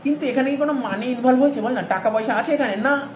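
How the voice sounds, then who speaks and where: A man's voice: very high-pitched, fast. A man teaching accounting in an informal lecture, talking straight to his students and checking often that they follow. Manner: informal, addresses students directly with frequent "all right?" checks. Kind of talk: classroom-style lecture. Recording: echoey room with faint ambient noise.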